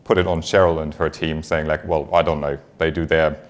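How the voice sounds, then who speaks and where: His pitch is extremely low, barely moving, and he talks fairly quickly. The man is a finance executive and native German speaker with a German accent, delivering a conversational conference presentation that wins over the audience with light humour.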